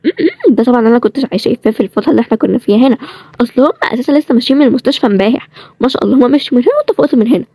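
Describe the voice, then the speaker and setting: A woman voicing a sharp-tongued young heroine with an Egyptian accent, in a bantering, higher-pitched way. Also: animated, rapid-fire, husky, no echo. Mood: playful. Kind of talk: storybook role-play series.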